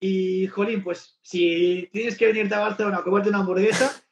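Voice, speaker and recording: A man's voice: high-pitched, level tone, normal speed, gravelly. A man hosting a podcast in a casual, rambling way with many restarts. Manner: chatty, rambling with frequent restarts. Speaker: podcast host. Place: lives in Barcelona. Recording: echoey, dull lo-fi sound.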